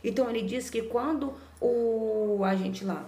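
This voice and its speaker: A woman's voice: on the high side, measured pace, roomy sound. A woman with a Brazilian Portuguese accent, a mother and vlogger, chatting animatedly as she tells a personal story. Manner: chatty, lively, frequent "né?" tag questions. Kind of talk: casual storytelling vlog.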